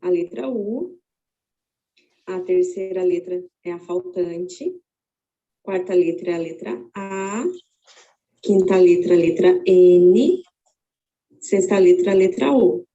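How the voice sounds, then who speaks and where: A Brazilian woman teaching, walking slowly and methodically through a braille word activity and thinking aloud as she searches. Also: on the low side, dark tone, highs cut off. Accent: Brazilian Portuguese. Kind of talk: step-by-step spoken demonstration.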